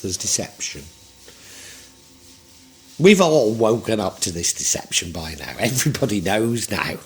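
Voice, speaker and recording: A man's voice: medium pitch, a little mellow. A man in his sixties giving a tarot reading in a reflective, rambling way with frequent restarts. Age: 60s. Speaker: tarot reader.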